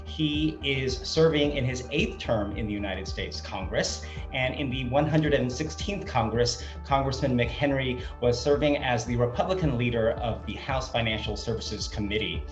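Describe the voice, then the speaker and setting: A man's voice: mid-range voice, moderate pace, hardly any pauses. A man born in Vietnam and raised in Southern California, hosting a formal online interview with polished, courteous introductions. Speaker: interview host. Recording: roomy, dull sound with faint music.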